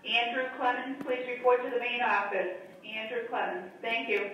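A woman making a flat, even office announcement over a school intercom loudspeaker, heard from a distant speaker in a classroom. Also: fairly high pitch, normal speed, very echoey, lo-fi sound, a little hiss or hum.

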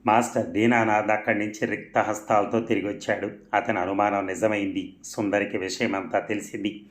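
A man reading a novel aloud as a storyteller, in a steady, plain narrating manner. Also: on the low side, a little fast. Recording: roomy echo.

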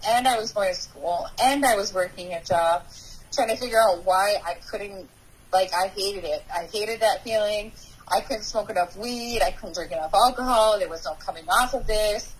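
A woman's voice: medium pitch, slight background noise, low-quality recording. A woman in her forties from North Dakota, a guest candidly telling her personal recovery story in a conversational way. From North Dakota, USA.

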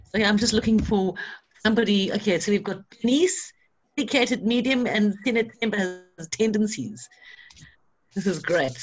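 A woman's voice: mid-range voice, animated, normal speed, breathy edge, muffled recording. A woman leading an online workshop, encouraging and practical in tone. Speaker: workshop facilitator. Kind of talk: guiding an online seed-saving workshop.

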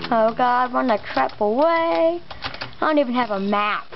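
The let's play host speaks a little slowly in an animated, medium-pitched voice with vocal fry, giving casual, sweary commentary and muttered exclamations with slightly imprecise R sounds. It's recorded by a camera facing a monitor, so the audio is muffled, lo-fi and noisy.

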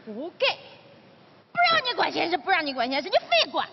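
A woman's voice: extremely high pitch, wildly swooping pitch, brisk, gravelly, crowd noise, noisy background, full character voice. A woman playing a bold, scatterbrained wife who nags her husband, in a stage comedy sketch. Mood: scolding. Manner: brash, nagging, comically flustered. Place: theater stage with live audience. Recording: dull stage audio, loud audience.

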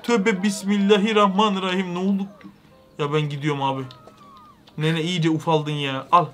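A young man giving comedic, excitable game commentary with loud exclamations. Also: high voice, moderate pace, soft background music. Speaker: gaming YouTuber.

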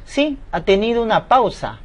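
A man leads a lecture through medical exam questions. He asks a question, pauses, then answers it himself in an explanatory teaching manner. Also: sits high, sing-song.

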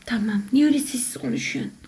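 A woman's voice: fairly high pitch, racing, noisy background. A woman doing jokey, panicky let's play commentary as a gaming YouTuber who calls herself a gamer mom.

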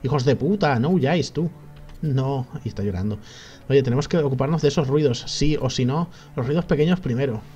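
A man's voice: mid-range voice, fairly quick, warm tone, muffled recording, soft background music. A man with a Spain accent giving casual let's play commentary, swearing in frustrated outbursts. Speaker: gaming youtuber.

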